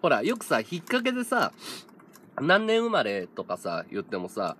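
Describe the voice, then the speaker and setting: A man's voice: mid-range voice, huge pitch swings, normal speed, bright, forceful tone, a little hiss or hum. A man in his thirties, a streamer, telling a story in casual chat, laughing often and acting out other people's lines. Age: 30s.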